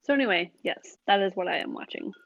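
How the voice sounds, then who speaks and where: A woman with a gravelly, fry-laden voice chats casually and gets animated as she explains what she's been watching. The sound is dry and close, with a slightly dull, lo-fi tone. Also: mid-range voice, fast talker, dry recording. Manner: chatty, animated when describing shows. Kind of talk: casual chat.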